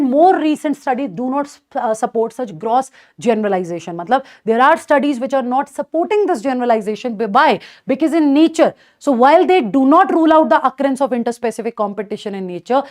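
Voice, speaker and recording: Casting: female teacher, North Indian accent, higher-pitched voice, informal lecture delivery, emphatic and repetitive on key points. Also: darkish tone. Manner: emphatic, repeats key points, checks in with students. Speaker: biology teacher.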